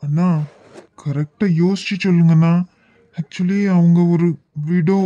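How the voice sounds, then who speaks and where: A man's voice: high voice, fairly even intonation, measured pace, warm tone, no room sound, highs cut off. A man voicing a worried young colleague in a cartoon, coaxing and placating, with a Kanyakumari Tamil accent. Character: worried young male colleague trying to calm things.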